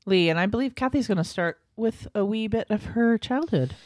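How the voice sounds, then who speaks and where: A woman's voice: mid-range voice, expressive, normal speed, a little mellow, no echo, studio quality. A woman hosting a podcast, chatting casually and dropping joking asides. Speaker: podcast co-host.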